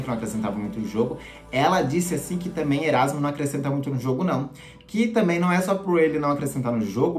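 A man hosting a casual gossip commentary, chatty and sarcastic, often asking for agreement. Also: medium pitch. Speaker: gossip channel host. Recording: echoey room with faint music.

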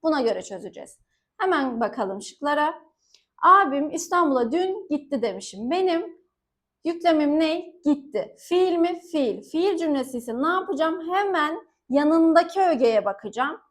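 A woman teacher working through exam questions, asking herself short questions, answering them in quick call-and-response and pausing to warn students directly. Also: sits high, expressive. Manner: warns students directly, stressing key words. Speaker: Turkish teacher. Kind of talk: exam-prep lesson, solving questions.

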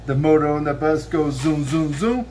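A man's voice: fairly high pitch, lively intonation, moderate pace, dark tone, slight background noise. A man in his thirties singing a children's song from a book to his child in a bedroom, playful and sing-song, drawing out the line endings. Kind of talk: sung read-aloud of a children's song. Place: bedroom, lying on a bed. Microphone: camera a few feet away.

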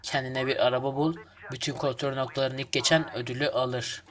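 A man reading out a game gang boss's lines in a slow, low, measured voice. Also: level tone, fairly bright tone, natural voice. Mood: calm. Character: male street gang boss, calm and businesslike.

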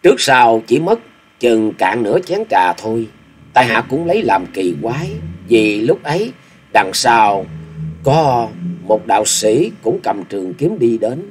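A man's voice: mid-range voice, big pitch swings, unhurried, slight background noise. A man doing a proud young swordsman. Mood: earnest. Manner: formal, proud replies. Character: young male swordsman, polite but stubborn.

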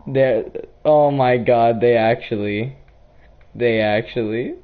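A man chatting and shouting with friends during an online game, laughing often and getting exasperated. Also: mid-range voice, slow. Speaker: gaming channel host. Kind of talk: casual gaming chat with friends. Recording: dull lo-fi voice chat.

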